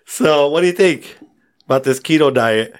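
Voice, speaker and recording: A man's voice: on the high side, moderate pace. A man co-hosting a podcast in casual chat, joking and self-deprecating. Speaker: podcast co-host.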